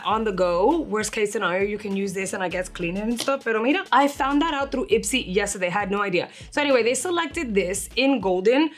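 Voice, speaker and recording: A young woman, a beauty vlogger, chatting casually through a subscription box review at home while slightly under the weather, dropping in Spanish words. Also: medium pitch.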